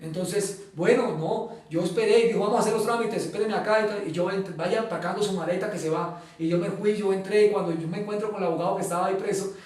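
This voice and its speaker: A man gives an earnest personal testimony in an interview, acting out the dialogue he quotes and pausing on filler sounds. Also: high-pitched, fairly even intonation, darkish tone. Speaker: guest giving testimony. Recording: echoey room, mic at a distance.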